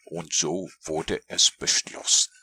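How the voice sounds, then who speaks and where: Deep gravelly man reading a storybook. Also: fairly even intonation, slow pace, pushed and bright, dry recording. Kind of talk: storybook read-aloud.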